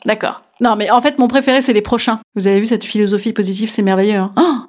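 A woman's voice: medium pitch, steady tone, quick pace, a little mellow. Bawdy self-mocking woman podcast host. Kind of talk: comic monologue. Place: Paris.

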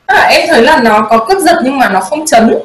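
A young woman co-hosting a casual chat, telling stories in a lively way and acting out the voices of the people in them. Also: sits high, a little fast. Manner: lively storyteller, acts out quoted voices. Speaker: co-host. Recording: roomy echo.

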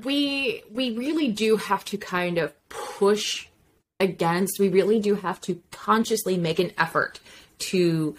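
A woman's voice: mid-range voice, unhurried, a little hiss or hum. A woman co-hosting a podcast in casual chat, frank and emphatic, swearing and laughing easily. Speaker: podcast co-host.

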